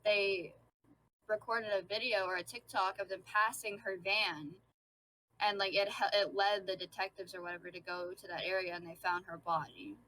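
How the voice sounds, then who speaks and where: A young woman talks in a bright, chatty way, stuffing "like" into her sentences and giggling often. Her voice sounds faint and cuts out now and then, since she is on a weaker microphone. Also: mid-range voice, normal speed, slight background noise, poor audio. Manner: fillers of like, giggly, animated. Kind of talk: casual chat. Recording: faint, cutting out from a weaker mic.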